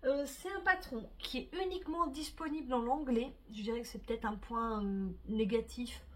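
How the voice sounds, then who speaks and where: A woman talking casually to her viewers about her knitting projects, chatty, with many fillers and soft asides. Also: on the high side, moderate pace, breathy edge. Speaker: knitting vlogger. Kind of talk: casual chat to camera.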